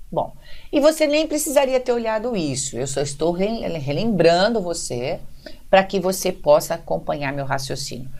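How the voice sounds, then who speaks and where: A woman with a Brazilian Portuguese accent teaching an online grammar lesson, explaining step by step and often checking in with her students. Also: fairly low pitch.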